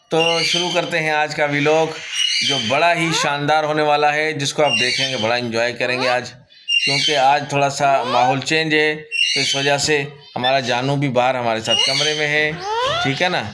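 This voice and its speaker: A man chatting casually in a pet vlog, greeting viewers and cooing to his pet birds. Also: medium pitch. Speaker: vlogger. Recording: loud background noise with bird squawks.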